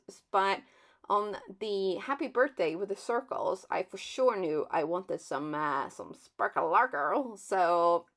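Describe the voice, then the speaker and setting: A woman's voice: mid-range voice, a bit bright. A woman hosting a crafting channel, narrating her video in a casual, bubbly way and joking about her love of sparkle.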